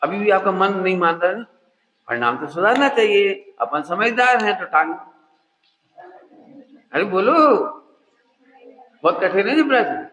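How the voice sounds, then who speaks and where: A man's voice: sits high, expressive, unhurried, long pauses, sharp tone. Man giving a spiritual discourse in an echoey hall. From India. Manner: asks the audience questions and repeats points. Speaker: Jain scholar giving a discourse. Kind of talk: religious discourse.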